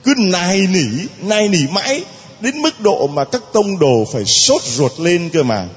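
A man's voice: high voice, big pitch swings, unhurried, husky, highs cut off. Emphatic male priest in an echoey hall. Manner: emphatic, dramatic repetition, talks to the congregation. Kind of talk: sermon. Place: church.

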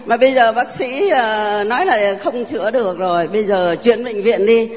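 Older woman testifying in a reverberant church. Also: fairly high pitch. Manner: halting, heartfelt storytelling with many fillers. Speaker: parishioner giving testimony. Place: large church with long reverb. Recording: dull, reverberant church recording.

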